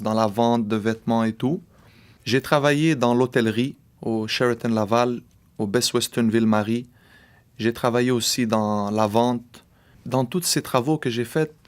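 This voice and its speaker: A man in his late thirties with a Québécois French accent, reflectively telling his own life story as a personal testimony, measured and with small hesitations. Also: medium pitch. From Quebec, Canada.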